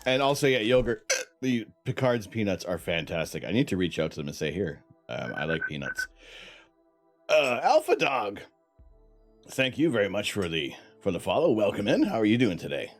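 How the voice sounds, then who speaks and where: A man hosting a live stream, chatting with viewers and thanking them, laughing and clearing his throat between bites of hot peppers. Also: on the low side, very animated, moderate pace, faint music behind. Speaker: livestream host. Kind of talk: casual live-stream chat.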